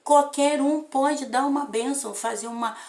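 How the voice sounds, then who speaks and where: A woman's voice: high voice, normal speed, a little mellow. A Brazilian woman in her fifties, a mother telling a family story with feeling and repeating phrases for emphasis. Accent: Brazilian Portuguese. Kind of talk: emotional personal storytelling. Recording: roomy echo.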